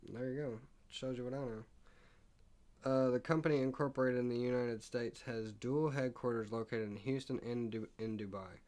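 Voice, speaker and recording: A man's voice: mid-range voice, fairly even intonation, normal speed, darkish tone. A man hosting a casual stock market live stream, thinking aloud as he reads prices and figures off the screen. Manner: reads text aloud with stumbles and asides. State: hiccuping.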